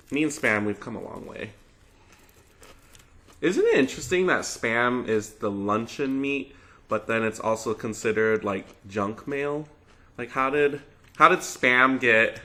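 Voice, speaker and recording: Bright-voiced man chatting casually over food. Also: medium pitch, measured pace. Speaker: mukbang video host. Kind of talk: casual chat over a meal.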